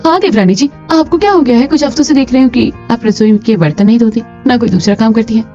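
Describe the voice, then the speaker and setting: A woman's voice: on the high side, fast talker, close to an everyday voice. A woman voicing a workshy, complaining elder daughter-in-law in a cartoon. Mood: whiny. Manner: whiny, complaining. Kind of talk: cartoon voice acting. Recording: lo-fi with soft music.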